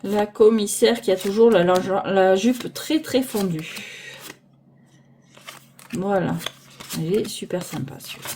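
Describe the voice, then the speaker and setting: Mellow woman rambling over tarot cards. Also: mid-range voice, a little slow, pauses often, slight background noise. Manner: rambling, searches for names aloud. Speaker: tarot deck reviewer. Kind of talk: casual deck presentation. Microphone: phone on a holder arm.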